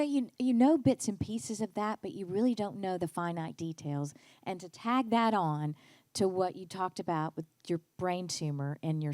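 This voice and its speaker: A woman hosting an interview, effusive and encouraging, quick to affirm her guest. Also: fairly low pitch, darkish tone, no room sound. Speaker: interview host. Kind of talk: conversational interview.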